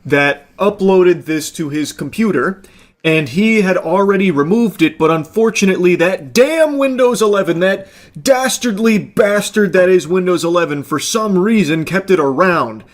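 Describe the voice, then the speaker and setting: A man's voice: sits high, lively intonation, normal speed. A man giving sardonic commentary in a wordy, dryly sarcastic way.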